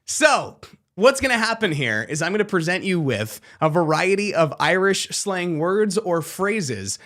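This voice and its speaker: A man's voice: sits high, very animated, a little slow, fairly bright tone. A man hosting a radio trivia segment in a playful quizmaster manner. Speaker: radio show host running trivia. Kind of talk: casual radio banter.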